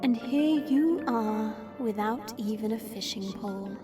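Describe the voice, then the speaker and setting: In an audio roleplay drama, a woman voices a hidden female vampire who is sassy, teasing, and unafraid, mocking with a sarcastic, playful drawl. Her voice sits on the high side, lightly acted at a measured pace over music.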